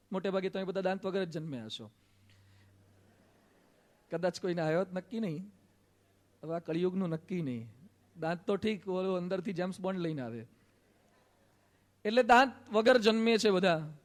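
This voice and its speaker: A man with a Gujarati accent, a monk giving a sermon, telling stories with quoted dialogue and gentle humor. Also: high voice. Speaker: monk preacher. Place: assembly hall.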